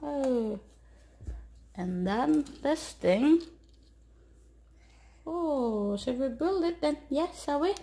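Her voice is high and mellow with lively intonation, drawn-out words and frequent pauses. She's a young Indonesian family vlogger with an Indonesian accent, sitting on the living-room sofa and chatting to a phone camera at arm's length in sing-song baby talk with her toddler, the room audibly echoey.

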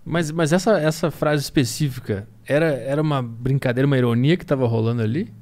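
A man's voice: mid-range voice, brisk, darkish tone. A man, hosting a podcast and asking questions in a casual, laughing way. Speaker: podcast host. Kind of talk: casual interview talk.

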